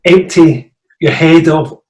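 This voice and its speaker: A man's voice: on the high side, slow, roomy sound, rough recording. A man with a Glaswegian accent asking a question over a video call, hesitant with many fillers. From Scotland. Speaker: audience member asking a question. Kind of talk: casual chat.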